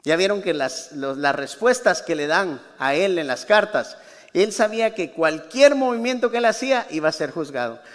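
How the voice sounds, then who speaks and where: A man's voice: high voice, animated, normal speed, in a large hall. A man preaching a sermon as pastor, in a chatty manner that keeps asking the congregation questions. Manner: conversational, asks the congregation questions. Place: church sanctuary.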